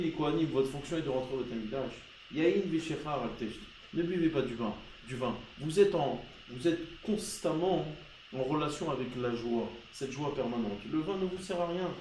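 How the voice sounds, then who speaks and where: A man teaching a Torah class in a somewhat high voice, firing rhetorical questions at his students and pressing each point with force. The room sounds roomy, with a faint hiss behind him. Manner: rhetorical questions, grows loud and emphatic.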